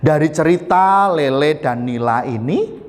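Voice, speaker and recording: Lively storyteller for children. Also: medium pitch, measured pace. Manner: lively, addressing children directly. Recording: echoey hall, faint music.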